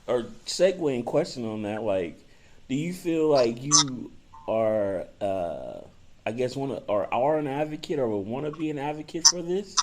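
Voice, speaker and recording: A man's voice: medium pitch, lively intonation, measured pace. A man hosting a podcast in a casual, slangy conversational style, whistling on his S sounds. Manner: informal, slangy phrasing. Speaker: podcast host. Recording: noisy, with clicks.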